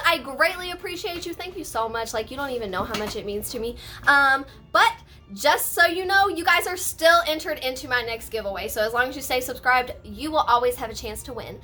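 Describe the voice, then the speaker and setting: Hyped, bright high-voiced woman vlogger. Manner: playful, sassy, rambling. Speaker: host of a personal video channel. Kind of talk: casual chatty haul and giveaway vlog. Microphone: on camera with ring light.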